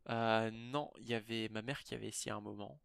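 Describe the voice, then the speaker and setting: A young man from Britain with a fairly low, creaky voice chats casually as a podcast co-host. His delivery is colloquial and offhand, with a skeptical streak. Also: fairly even intonation, a little fast, a bit bright, no room sound, studio quality. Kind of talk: casual chat.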